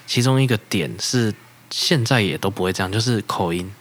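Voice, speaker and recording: A man with a Taiwanese accent in casual chat, halting and repeating words as he explains. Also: on the low side.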